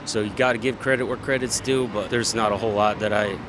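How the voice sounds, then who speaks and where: A man's voice: lowish voice, steady tone, fast. A man answering a street interview bluntly and casually, with many fillers. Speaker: passerby. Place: outdoors on a city street. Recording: street noise behind.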